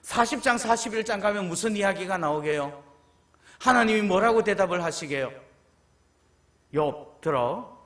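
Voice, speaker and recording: A man's voice: high-pitched, fairly quick, fairly bright tone. A male senior pastor preaching a sermon in a church sanctuary, often asking his congregation questions and acting out quotes.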